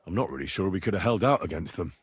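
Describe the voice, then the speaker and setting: An actor playing a deferential, courteous young knight in a medieval video game. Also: male voice, deep voice, animated, fast, breathy edge, no room sound, studio quality. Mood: respectful, relieved. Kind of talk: video game dialogue acting.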